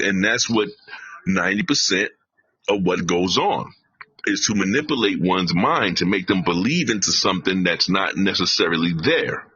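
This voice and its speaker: A man's voice: sits low, sharp tone, slightly rough, dry recording, dull audio. A man hosting a live stream, preaching emphatically, repeating his phrases and swearing. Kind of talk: casual live-stream commentary.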